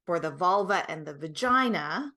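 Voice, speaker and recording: Her lowish voice is expressive and sharp, at a normal speed. The middle-aged guest expert, a product creator, explains things emphatically in a conversational way, often checking that the listener follows along.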